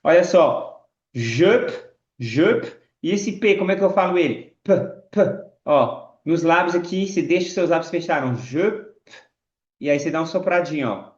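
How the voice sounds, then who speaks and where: A French man teaching pronunciation, saying model phrases slowly and repeating them as drills. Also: fairly high pitch, animated, reverberant, lo-fi sound. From France. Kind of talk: pronunciation lesson.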